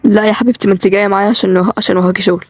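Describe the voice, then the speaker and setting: Fast-talking Egyptian woman voicing characters. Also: mid-range voice, fairly even intonation, no room sound. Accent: Egyptian Arabic. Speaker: creator voicing a cartoon role-play series. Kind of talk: voice acting for a cartoon role-play video.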